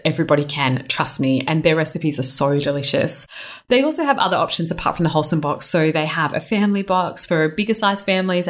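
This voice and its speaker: A woman with an Australian accent giving an informal, conversational sponsor read as a podcast host. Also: low voice.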